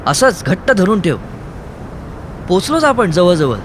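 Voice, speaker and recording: A man voicing a desperate young man who shouts frantically over a storm at sea, in an audiobook reading. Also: sits high, sing-song, a little slow, voice pushed up. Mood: urging. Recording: noisy with surf and wind.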